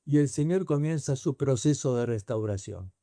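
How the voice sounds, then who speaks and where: A man with a Rioplatense accent preaching to a youth camp, telling the story in a lively way and putting questions to his listeners. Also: medium pitch, normal speed, no room sound, studio quality. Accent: Rioplatense Spanish. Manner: storytelling, asks the audience questions. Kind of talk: sermon.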